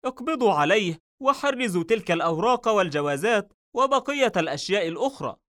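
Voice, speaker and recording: A man reading an audiobook novel, voicing a calm, confident male police detective in a raised voice. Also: quick pace. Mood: commanding. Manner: calm and assured, slightly raised pitch.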